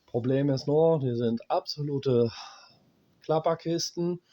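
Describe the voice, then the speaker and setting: A German appliance repairman with a cold coughs and speaks slowly as he explains a repair hands-on. His voice is fairly high and the highs are cut off. He is blunt and plain-spoken, cursing cheap gear, pausing as he works and muttering to himself while checking parts.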